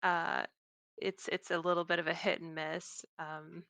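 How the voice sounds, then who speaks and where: Low gravelly-voiced woman chatting on a podcast call, lots of ums, bright edge, dry sound. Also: flat delivery, measured pace, no room sound. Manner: hesitant, many fillers. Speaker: venue greeter guest. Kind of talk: casual podcast chat.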